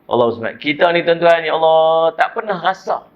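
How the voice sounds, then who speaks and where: A man's voice: a little high, a little fast, muffled recording. A man preaching a mosque sermon with a Malaysian Malay accent, telling stories and speaking directly to his listeners. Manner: lively storytelling, addresses listeners directly, chuckles.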